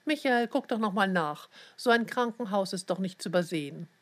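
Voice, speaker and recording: A woman voicing a brisk, flustered mother who talks hurriedly, in a storybook reading. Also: medium pitch, lively intonation, a bit bright, close to an everyday voice.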